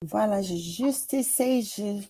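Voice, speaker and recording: A Brazilian woman, a doctoral student whose first language is Portuguese, presents her research in a webinar over a video call. Her voice is medium-pitched, slow and mellow with a breathy edge, and she speaks hesitantly with many fillers in a Brazilian accent.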